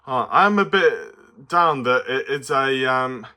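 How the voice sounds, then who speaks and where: A man reviews a toy on camera in a relaxed way, speaking at a medium pitch. The tone is upbeat and playful in the style of children's television, though he's often halting and unsure.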